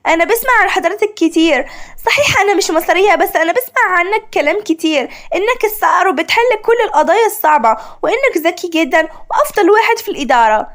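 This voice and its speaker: A woman voicing a spoiled, proud young woman engineer with an Egyptian Arabic accent and a sharp-tongued, indignant manner. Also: very high-pitched, expressive, quick pace, exaggerated voice. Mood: polite.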